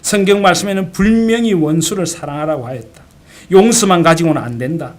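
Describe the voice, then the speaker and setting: A man's voice: fairly high pitch, fairly quick, pitched above the performer's own voice, lightly acted. A man playing a steadfast old father. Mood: firm. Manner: earnest, firm, fatherly. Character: steadfast elderly father pastor, gently firm.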